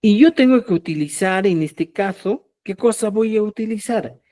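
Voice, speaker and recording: A man leads a live language lesson in a dark, mellow voice. He explains rules patiently and repeats example words slowly, syllable by syllable. He keeps checking that his listeners follow. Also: high voice, lively intonation. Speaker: Quechua language teacher. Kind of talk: live online class for teachers.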